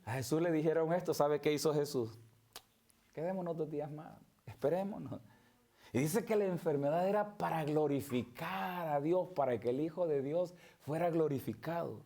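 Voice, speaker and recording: A man preaching a sermon and leading prayer, questioning his congregation directly and swinging between emphatic and soft. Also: a little high, moderate pace, few pauses. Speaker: pastor. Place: church.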